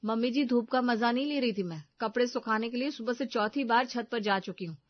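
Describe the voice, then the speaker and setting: A woman's voice: on the high side, fairly quick, no room sound, muffled recording, close to an everyday voice. A woman voicing a tired young daughter-in-law who explains politely and pleads in a cartoon story. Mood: pleading. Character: weary put-upon young daughter-in-law.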